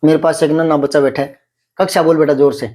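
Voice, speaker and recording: Man, middle-aged, grammar teacher, patient, repeats examples slowly, quizzes a student. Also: a little high, level tone, warm tone. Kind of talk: classroom grammar lesson.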